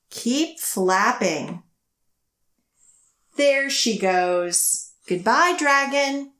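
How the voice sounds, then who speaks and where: Reading picture books expressively, a woman leads a storytime for young children and offers simple, encouraging directions. As the children's librarian, she speaks in a medium-pitched, fairly bright tone. The sound is reverberant.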